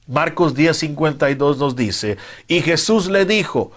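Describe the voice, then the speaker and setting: A man's voice: a little high, expressive, a little slow. A man preaching a sermon in a fervent, emphatic way, with some hesitant fillers between his points. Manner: fervent, rising to loud emphatic retellings.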